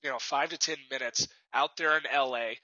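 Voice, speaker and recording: A man's voice: mid-range voice, steady tone, moderate pace, pushed and bright, no room sound, lo-fi sound. A man co-hosting a movie podcast, ranting bluntly and scornfully about a bad film. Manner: blunt, scornful rants with repeated words. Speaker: podcast co-host. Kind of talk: casual movie-review chat.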